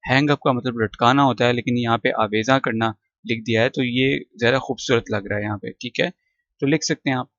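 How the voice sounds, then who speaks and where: A man teaching an English lesson, explaining words and repeating them slowly for pronunciation. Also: mid-range voice, steady tone, a bit bright, dry recording, lo-fi sound. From Pakistan. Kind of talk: recorded classroom lesson.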